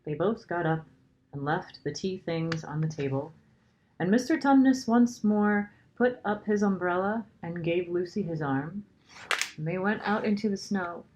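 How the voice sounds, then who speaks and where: A woman narrating a children's story as an expressive storybook reader. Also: lowish voice, measured pace, dull audio, slight background noise.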